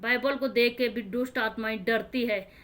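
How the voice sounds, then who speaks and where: High, bright-voiced woman preaching. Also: steady tone, moderate pace. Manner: repeats and rephrases each verse, earnest and direct. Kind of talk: informal Bible explanation.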